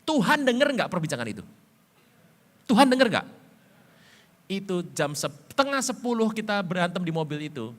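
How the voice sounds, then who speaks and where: A middle-aged male pastor telling stories in a sermon, animated, swinging between loud emphatic bursts and quiet low asides. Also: moderate pace, pauses often. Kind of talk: storytelling sermon. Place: church sanctuary. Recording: church hall reverb.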